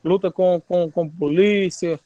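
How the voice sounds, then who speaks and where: High-voiced man, dry sound. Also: fairly even intonation, dark tone, no room sound. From Alagoas, Brazil. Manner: measured, with hesitations and tag questions. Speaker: seminar guest, filmmaker. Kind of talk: online seminar talk.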